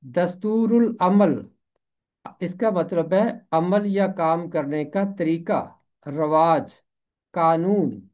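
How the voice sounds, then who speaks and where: A man teaching Urdu pronunciation, repeating each word slowly and carefully and explaining what it means. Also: fairly high pitch. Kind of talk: slow deliberate Urdu pronunciation lesson. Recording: dull lo-fi recording.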